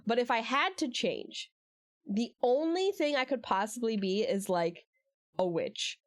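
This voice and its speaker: A woman's voice: fairly high pitch, lively intonation, unhurried, no room sound. A woman hosting a casual podcast chat who giggles often and hums along in agreement. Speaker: podcast host.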